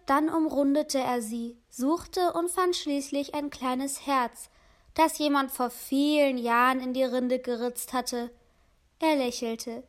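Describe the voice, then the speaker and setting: A woman with a high voice reads a children's story aloud. She tells it gently and at a measured pace.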